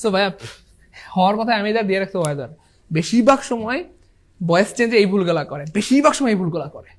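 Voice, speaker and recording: A tired man runs an online English class, repeating each rule several times with emphasis. His voice sits high and his words come quickly. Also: expressive. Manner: repetitive, emphatic, addresses students as brothers and sisters. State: tired after a long class. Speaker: English teacher. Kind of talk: online exam-prep class.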